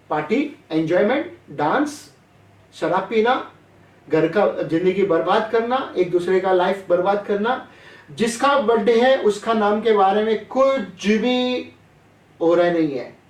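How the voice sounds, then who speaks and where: A man's voice: high voice, roomy sound, recorded from a distance, low-quality recording. A man preaching a sermon in a chatty way, often asking his listeners questions. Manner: conversational, asks the audience questions. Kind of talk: sermon over online call.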